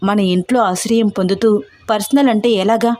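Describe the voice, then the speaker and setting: A woman voicing a furious, strict middle-aged mother who scolds in shrill outbursts. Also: steady tone, moderate pace, warm tone, close to an everyday voice. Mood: angry scolding.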